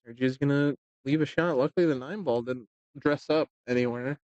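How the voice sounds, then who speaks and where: A man giving relaxed, joking live commentary on a pool match, talking loosely with fillers. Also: mid-range voice, normal speed, dry recording, muffled recording.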